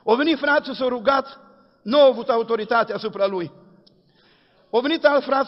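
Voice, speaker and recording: High-voiced man preaching in an echoey hall. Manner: storytelling, acting out dialogue in folksy speech. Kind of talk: sermon with anecdotes. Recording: dull echoey hall recording.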